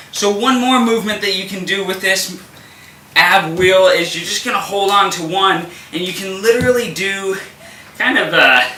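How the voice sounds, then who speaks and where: Fitness instructor, man, bright edgy voice, straining mid-exercise, recorded off-mic in an echoey room. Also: a little high, far from the mic, slight background noise. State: effortful, straining. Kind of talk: exercise demonstration.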